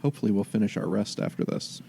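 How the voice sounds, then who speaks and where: Brief: male player, lowish voice, talks plans through aloud with lots of uhs and likes. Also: fast, vocal fry, dark tone, slight background noise. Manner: thinks aloud, chatty with many fillers. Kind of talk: casual tabletop game play.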